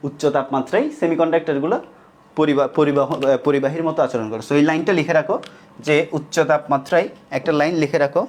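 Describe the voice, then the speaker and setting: Slow, repetitive man teaching online. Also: fairly high pitch. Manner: slow dictation, repeating lines and asking then answering his own questions. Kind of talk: online class lecture.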